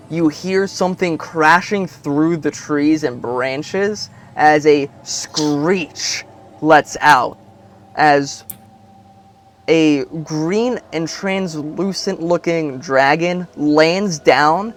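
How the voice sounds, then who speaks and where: A man's voice: on the high side, slight background noise. A man running a tabletop game, narrating scenes with some fillers. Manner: unhurried descriptive narration with fillers. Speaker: game master.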